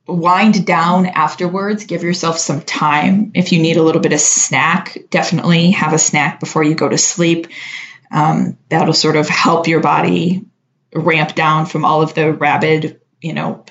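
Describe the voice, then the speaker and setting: A woman co-hosting a show, giving relaxed, chatty advice with lots of filler words. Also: sits low, unhurried. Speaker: podcast co-host answering listener questions. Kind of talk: casual advice chat. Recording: dull lo-fi sound.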